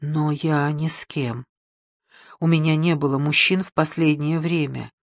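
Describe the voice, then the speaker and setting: A man voicing a jealous, hysterical young woman who shouts and then hisses in contempt. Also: fairly even intonation, measured pace, no echo, clean studio sound. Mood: pleading. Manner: shrill, shouting, then hissing.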